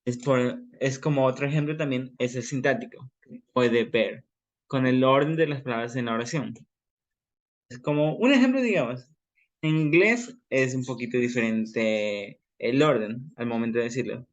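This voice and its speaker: A man's voice: mid-range voice, normal speed. A man with an Ecuadorian accent giving a class presentation, explaining informally with everyday examples. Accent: Ecuadorian Spanish.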